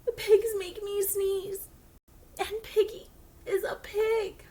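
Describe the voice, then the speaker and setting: A woman's voice: very high voice, little pitch movement, takes it slowly, warm tone, slight background noise, pitched above the performer's own voice. A woman doing a fretful sneezing elephant. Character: anxious sneezing male elephant.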